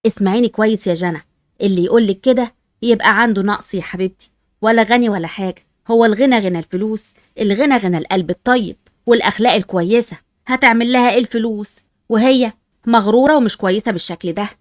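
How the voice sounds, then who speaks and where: A woman's voice: medium pitch, no room sound, clean studio sound, lightly acted. A woman with an Egyptian accent voicing a caring but scolding old grandmother in a Roblox family drama, lecturing the children. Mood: advising. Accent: Egyptian Arabic. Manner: fast, lecturing.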